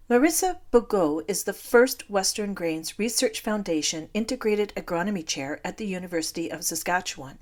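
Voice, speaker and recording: A woman hosting a weekly farm news podcast, speaking at a middle pitch. She opens the show and puts measured, clearly framed questions to her guest. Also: darkish tone. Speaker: podcast host. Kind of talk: interviewing a guest.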